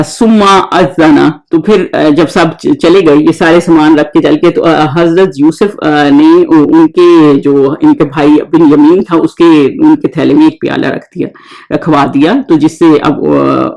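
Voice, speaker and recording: A man teaching a verse-by-verse Quran lesson. He reads the Arabic verses slowly, then explains them informally with many pauses. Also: on the high side, gravelly, a little mellow, rough recording.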